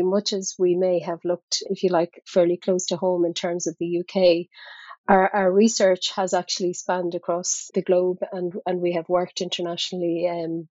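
Woman co-author, low and monotone, slightly dull audio, repeats words while she thinks. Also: no room sound. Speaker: researcher and co-author. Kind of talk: panel discussion.

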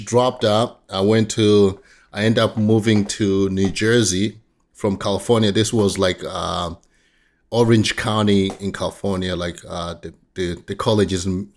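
Low-pitched tanzanian guy chatting in an interview, stops and restarts, laughs easy. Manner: halting, restarts phrases, laughs often. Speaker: guest. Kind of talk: casual interview chat.

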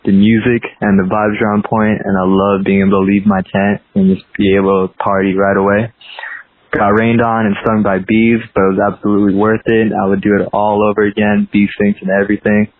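A man from California leaves a chatty voicemail, and it plays back through a thin, tinny phone line. His voice sits fairly low and stays flat and even in pitch. He keeps it casual, like a caller on a radio show. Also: a little fast. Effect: voicemail over a phone line.

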